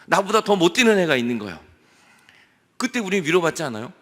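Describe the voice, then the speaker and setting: A male pastor preaching a year-end sermon, telling anecdotes in an animated, conversational way. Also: on the high side, fast. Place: church sanctuary. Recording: long hall reverb.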